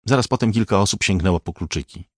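A man reading a crime thriller aloud as an audiobook narrator, in a measured, even way. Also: fairly low pitch, dry recording, studio quality.

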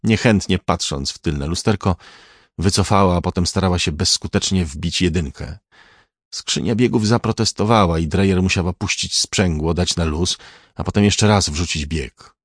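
A man reading a crime novel aloud in a measured, even way. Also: low-pitched, dry recording, studio quality. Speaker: audiobook narrator. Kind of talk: scripted narration.

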